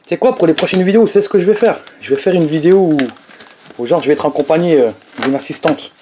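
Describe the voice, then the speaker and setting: A young man chatting casually to his viewers in a fast-food review vlog, slangy and playful. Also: a little high, warm tone, a little hiss or hum.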